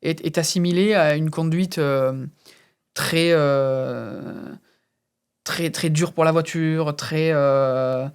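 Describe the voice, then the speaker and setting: Man, interview guest, from France, fairly high voice, stammers and restarts often. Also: steady tone, slow, clear, resonant tone. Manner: hesitant, many repeated words and fillers. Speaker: guest racing driver and instructor. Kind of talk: casual interview talk.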